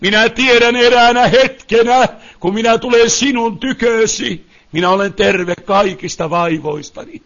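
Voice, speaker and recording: A man's voice: very high-pitched, creaky, fairly bright tone. A man preacher leading a fervent prayer meeting, praying aloud in an impassioned, pleading way with repeated invocations. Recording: dull lo-fi recording.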